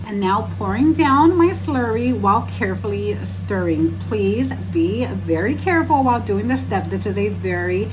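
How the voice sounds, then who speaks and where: A woman's voice: mid-range voice, lively intonation, normal speed, hardly any pauses, noisy background. A woman from Guam hosting a home cooking show, narrating a recipe in a chatty, instructional way and speaking straight to viewers.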